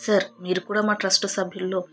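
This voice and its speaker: A woman's voice: medium pitch, level tone, fast, a bit bright, faint music behind, close to an everyday voice. Woman as a polite young receptionist. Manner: polite, courteous.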